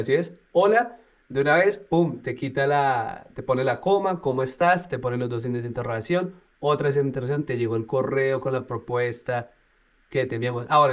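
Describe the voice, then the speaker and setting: A business owner speaks directly to viewers in a casual tutorial vlog. He talks energetically and throws in punchy sound words like "boom" along the way.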